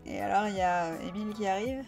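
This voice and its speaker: A woman's voice: mid-range voice, fast talker, vocal fry, a little mellow, faint music behind. A young woman from France hosting a live stream, chatting loosely with viewers, full of fillers and restarts. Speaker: livestream host. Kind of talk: casual live chat with viewers.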